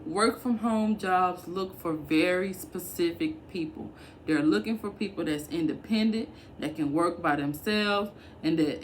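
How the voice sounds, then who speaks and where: A woman vlogger speaks straight to her viewers in a slightly low voice, punching her points with blunt, colloquial emphasis. She sounds candid and a little preachy as she lays out advice. A faint room ambience sits behind her. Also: a little hiss or hum. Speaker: work-from-home advice vlogger. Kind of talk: casual direct-to-camera advice.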